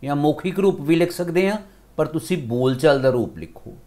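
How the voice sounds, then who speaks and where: A male school teacher with a Punjabi accent, slowly explaining a grammar lesson step by step, switching between two languages. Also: on the high side, lively intonation, a little mellow.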